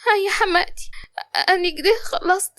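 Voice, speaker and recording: An actress playing a tired, submissive young daughter-in-law with an Upper Egyptian accent, pleading softly. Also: female voice, very high-pitched, fairly quick, dry recording. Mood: meek.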